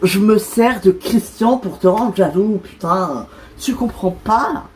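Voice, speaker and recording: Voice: mid-range voice, slow, slight background noise, natural voice, poor audio. A performer voicing a woman in love with a married man, pleading with him bluntly and swearing in an amateur toy-figure drama.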